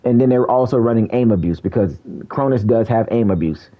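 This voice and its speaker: A male gaming streamer gives casual live gameplay commentary a little fast, slangy and calling out enemies while saying "bro" a lot. His bad stream mic makes the low-quality audio sound muffled.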